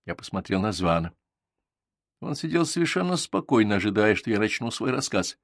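A man narrating a story aloud in even storytelling style, close to the microphone. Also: on the low side, brisk, dry recording. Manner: even storytelling, voicing each character. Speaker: audiobook narrator. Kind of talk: audiobook narration.

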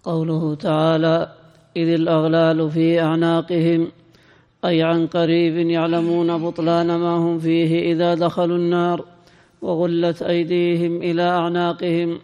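Man reciting a text, high and monotone. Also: normal speed, smooth, big-room sound. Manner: recites in a steady, lilting reading tone. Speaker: student reading the text aloud. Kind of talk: chanted reading of a classical text.

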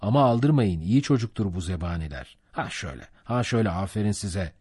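A jovial boat mate, as a male reader puts him on, coaxes and rallies his oarsmen in a half-preaching patter. His husky voice leaps high and drops low. It is lively and sits close and dry. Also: brisk, dry recording. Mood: rousing. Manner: coaxing, preachy, rousing. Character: jovial coaxing boat mate rallying rowers.

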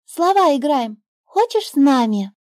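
An eager, playful little girl, as a woman storyteller puts her on. Her voice is high and bright and rises with excitement. The sound is dry and close. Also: unhurried, no echo. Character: young girl, cheerful and playful.

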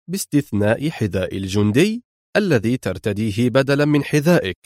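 Audiobook: male narrator playing a calm, resolute young officer with a lively, expressive read. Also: lowish voice, no echo, studio quality. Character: cool, firm, clever young male army lieutenant.

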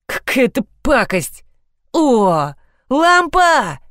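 A woman's voice: a little high, sing-song, unhurried, no room sound, clean studio sound, voice pushed up. A woman doing a jumpy, exasperated young man. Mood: alarmed. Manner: shouting, exasperated.

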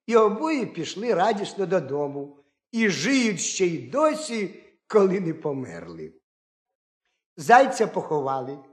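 A man narrating a folk tale for children in an expressive, lively way. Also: high-pitched. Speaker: storyteller. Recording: roomy echo.

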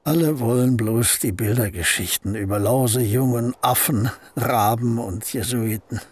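In a radio play, an actor portrays an aging male painter and poet, using a husky voice and a dry, reserved, curt manner. The older speaker's pitch is medium, his pace a little slow, and there's no room sound.

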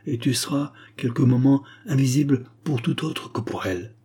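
A man's voice: mid-range voice, normal speed, mellow, breathy edge, voice pushed up. A man voicing an aging male scribe who pleads earnestly and reproachfully with the young man he raised. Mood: pleading.

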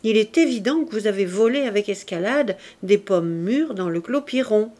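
A woman's voice: mid-range voice, lively intonation, normal speed, mellow, lightly acted. Woman reading as a stern male prosecutor. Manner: severe, formal, accusatory. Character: stern male public prosecutor, cold and accusing.

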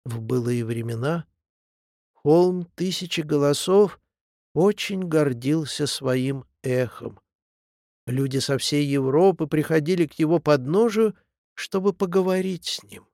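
Brief: male storybook narrator, measured, slightly raised pitch, unhurried. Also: a little mellow, no room sound, studio quality.

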